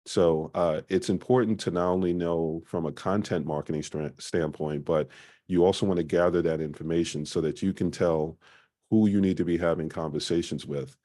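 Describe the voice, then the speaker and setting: Man, very deep voice, mellow tone, conversational workshop presenter, filler-heavy. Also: steady tone, moderate pace. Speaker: business presenter. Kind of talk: small-business marketing workshop talk.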